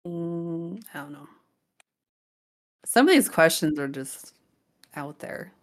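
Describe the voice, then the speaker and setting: A woman with a slightly low voice chats on a podcast, putting questions to the guest in a relaxed, wry tone. Her delivery is plain and conversational. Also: slow pace. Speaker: podcast co-host. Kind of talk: casual chat.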